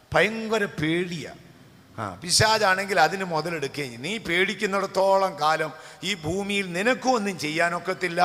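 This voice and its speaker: A man preaches a Pentecostal sermon in a high, bright voice with a gravelly edge. He tells homely stories and then lifts into shouted calls to the congregation. The long reverb of a church hall rings behind him. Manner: storytelling, swings to shouted calls for hallelujah. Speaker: pastor.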